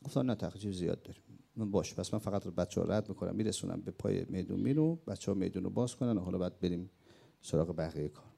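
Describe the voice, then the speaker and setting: Middle-aged male preacher, gravelly and mellow, animated sermon that rises to emphatic questions. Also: low voice. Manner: animated, rising to emphatic outbursts and questions to the audience. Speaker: preacher and war veteran. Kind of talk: religious sermon with war memories.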